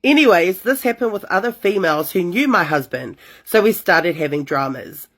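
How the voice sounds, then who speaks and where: A woman's voice: fairly low pitch, normal speed. A young woman, reading listener confessions aloud as host and reacting with sassy asides. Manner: animated, sassy asides between read stories. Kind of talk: casual storytime reading with reactions.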